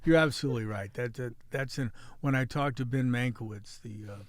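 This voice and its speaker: A man's voice: mid-range voice, a little fast, no room sound. Chatty Midwestern man hosting a podcast. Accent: Midwestern American. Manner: joking, chatty, rambling with restarts. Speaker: podcast host and city editor. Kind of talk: casual podcast chat and news rundown.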